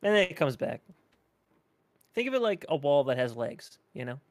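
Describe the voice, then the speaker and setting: A man's voice: a little high, very animated, moderate pace, no room sound. A man voicing a world-weary, hard-drinking man who gives rambling, fatherly advice to a kid.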